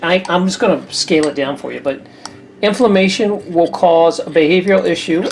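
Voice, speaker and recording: A woman's voice: lowish voice, a little fast, darkish tone, slight background noise. A woman hosting a cooking video from her home kitchen, chatting in a rambling, storytelling way as she cooks. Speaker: cooking channel host. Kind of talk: casual chat while cooking.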